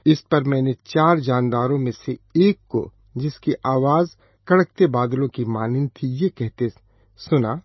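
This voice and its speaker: A man with a husky voice reading scripture aloud in a measured, solemn manner. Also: medium pitch, no echo. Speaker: scripture reader. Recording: dull, slightly lo-fi dry recording.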